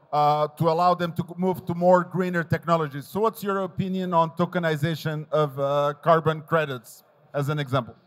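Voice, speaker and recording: A man moderating a conference panel on a large stage, speaking into a handheld mic and putting questions to panel and audience. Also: fairly high pitch.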